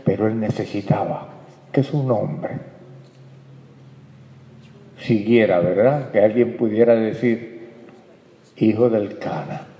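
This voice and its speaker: A male preacher delivering an emphatic sermon, full of rhetorical questions and calls to his brothers. His mid-pitched voice has a gravelly edge. It rings through a church hall with a long, dull echo. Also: slow, pauses often, mellow. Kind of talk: sermon on scripture. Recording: echoey hall, dull sound.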